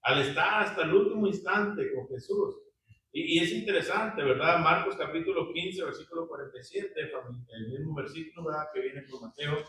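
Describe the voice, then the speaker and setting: This Bible study teacher has a fairly high, slightly bright voice and a moderate pace. He reads scripture out loud, chats with the group, asks them questions and uses frequent tag questions. Recorded from afar in an echoey room, with slight background noise.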